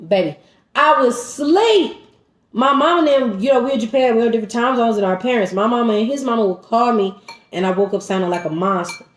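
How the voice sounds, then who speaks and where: Animated woman vlogger in an echoey room. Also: fairly high pitch, fairly quick. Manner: animated, emphatic, talks straight to viewers as "y'all". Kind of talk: casual storytime chat.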